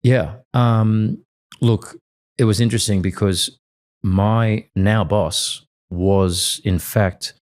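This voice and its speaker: A man with an Australian accent, a radio host and guest, telling animated stories in casual interview chat. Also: lowish voice, slow pace. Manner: animated storyteller.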